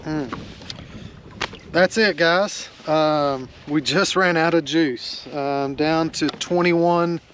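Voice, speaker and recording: A man in his forties with a fairly high voice hosts his fishing vlog outdoors, sitting in a kayak on a small lake. He talks casually and loosely, with plenty of fillers, into an action camera mounted close in front of him. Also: takes it slowly, slight background noise. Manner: relaxed, chatty, lots of "uh" fillers. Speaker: fishing channel host.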